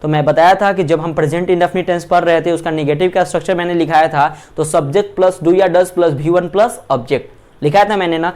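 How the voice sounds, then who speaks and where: Man, high voice, grammar lecture, repeats rhetorical questions. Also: fairly even intonation, darkish tone. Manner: repetitive rhetorical questions, slowly spells out structures. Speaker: English teacher. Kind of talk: Hindi lecture on English grammar.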